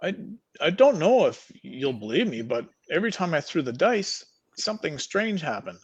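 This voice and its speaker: A nervous ordinary man with a secret to confess, from a fantasy story read aloud, voiced by a man. He hesitates and stumbles over his words, his voice set slightly high. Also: very animated, normal speed, breathy edge, lo-fi sound.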